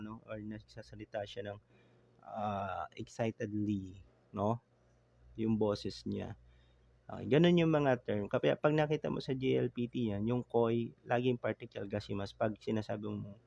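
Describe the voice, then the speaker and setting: Male tutor, gravelly voice, casual explainer, dry lo-fi recording. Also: medium pitch, darkish tone, no echo. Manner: chatty, code-switching, frequent "no?" tag checks. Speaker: Japanese language teacher. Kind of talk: casual online lesson explaining grammar.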